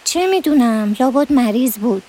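A woman reading a story voices a pious old grandmother who speaks calmly and reassuringly. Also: on the high side, pitched above the performer's own voice. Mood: brushing off. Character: older traditional grandmother, pious and soothing.

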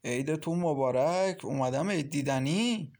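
A man voicing a brash, leering landlord past fifty in a storybook reading, loud and pushy. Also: a little high, natural voice.

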